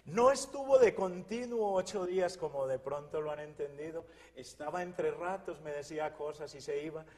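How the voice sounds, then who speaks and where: A man's voice: on the high side, moderate pace, darkish tone, big-room sound. Fervent man. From Colombia. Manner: earnest, fervent, repeats phrases. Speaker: testimony guest. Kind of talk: emotional religious testimony.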